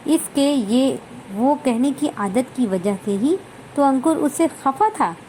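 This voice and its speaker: High-voiced woman reading a story aloud. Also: a little hiss or hum, poor audio. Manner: measured, expressive reading. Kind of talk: scripted story narration.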